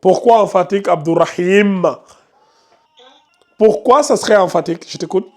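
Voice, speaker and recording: Recitation teacher, patient, questioning pupils one by one, mid-pitched voice. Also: normal speed, darkish tone. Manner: patient, repeatedly questions and corrects students by name. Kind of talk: class lesson with students.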